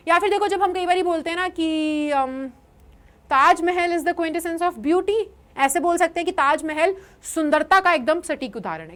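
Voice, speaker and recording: A young Indian woman teaching English vocabulary in a lively online lesson, explaining in Hindi and reading English examples slowly. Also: high voice.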